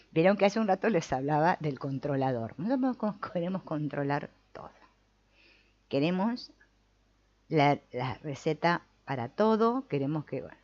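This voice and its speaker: A woman teaches a spiritual lesson in a low voice that swings widely in pitch. She slips into little acted inner voices to make her points. The recording sounds a bit dull and lo-fi. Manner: lively, acts out inner voices. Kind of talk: teaching a talk on the mind.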